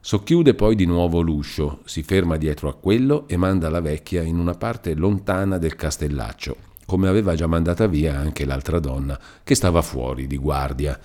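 In a low voice, a male audiobook narrator reads a classic novel aloud in a measured, expressive way.

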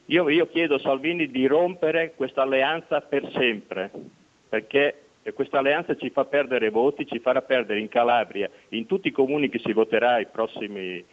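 A man's voice: medium pitch, normal speed. Insistent male radio caller on a tinny phone line. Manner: insistent, repeats his points. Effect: voice heard over a phone line. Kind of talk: call-in political opinion. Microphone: telephone.

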